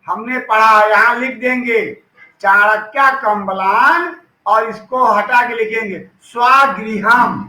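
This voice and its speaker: High bright guy teaching really slowly, echoey room. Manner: slow, patient dictation mixing Hindi and English. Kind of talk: classroom lesson explaining answers.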